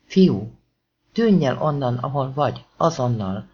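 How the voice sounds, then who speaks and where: A firm police lieutenant, terse and urgent, in a thriller audiobook, voiced by a male narrator. The voice is ordinary in pitch and a little muffled on a lo-fi recording. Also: expressive, a little mellow, husky.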